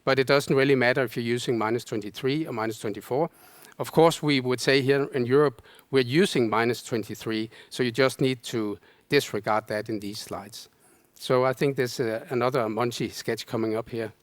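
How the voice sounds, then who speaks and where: A man presenting a technical lecture, explaining in a measured way. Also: mid-range voice, no room sound. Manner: explanatory, measured, casual fillers. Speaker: conference presenter.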